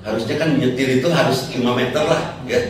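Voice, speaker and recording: Male preacher, comic storyteller, mid-pitched voice, roomy echoey hall. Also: fairly even intonation, brisk. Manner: joking storyteller, rhetorical questions. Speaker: Islamic preacher. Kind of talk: humorous sermon to a congregation. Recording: echoey hall, distant mic, crowd. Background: audience laughter.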